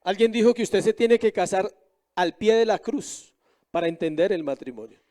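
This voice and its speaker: A man with a high, light voice preaching from the pulpit. He is middle-aged and keeps throwing questions out to the congregation, then answers them himself. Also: moderate pace, mellow. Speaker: pastor. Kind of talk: sermon.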